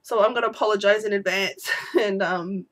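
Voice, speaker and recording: A woman's voice: mid-range voice, fairly even intonation, brisk, fairly bright tone. A woman vlogger talking in an unedited personal video diary, teary with her voice breaking, rambling and apologetic.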